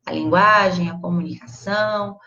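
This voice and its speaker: A Brazilian woman with a Brazilian Portuguese accent giving a casual, expressive live class, chatting directly to her audience. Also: on the low side, normal speed, vocal fry, a crowd in the background. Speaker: psychologist teaching a live class. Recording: slightly dull lo-fi livestream audio.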